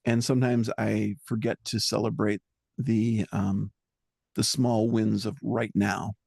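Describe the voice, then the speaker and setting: Interview guest: man, low husky gravelly voice, dry sound, earnest and halting. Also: flat delivery, a little mellow, no room sound. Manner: halting, searching for words, earnest. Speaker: musician guest. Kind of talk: reflective interview talk.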